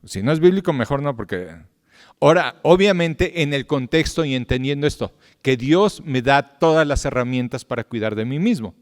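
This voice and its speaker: A middle-aged man preaching a sermon as pastor, swinging from loud, impassioned appeals to low, hushed words. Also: expressive, moderate pace. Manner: impassioned, rising loud at appeals then dropping to a low hush. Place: church hall. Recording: long hall reverb.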